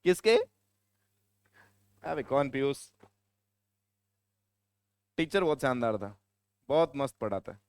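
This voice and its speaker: A man's voice: mid-range voice, animated, slow, pauses often, darkish tone, smooth, dry recording, clean studio sound. A male teacher with a Hindi accent giving a classroom grammar lecture. He tells stories in a chatty way and scolds his students.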